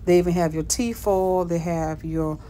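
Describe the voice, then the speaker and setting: A woman's voice: lowish voice, steady tone, moderate pace, dark tone, slight background noise. Upbeat woman touring a store. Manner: upbeat, chatty, keeps addressing viewers as guys. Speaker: shopping vlogger. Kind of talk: casual shopping walkthrough. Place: inside a large retail store.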